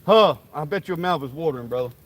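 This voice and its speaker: A man hosts a live stream at a backyard grill outside, rambling with rowdy, profane trash talk and down-home banter for his viewers. His voice runs high and lively, he talks fast, and the sound is a bit bright.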